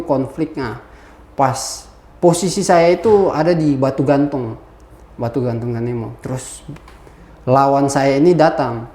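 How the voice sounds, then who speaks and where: A young man, telling his life story as an interview guest and acting out the voices of the people in it. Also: fairly high pitch. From Ambon. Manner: animated, acts out quoted voices. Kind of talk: personal testimony storytelling. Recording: echoey room.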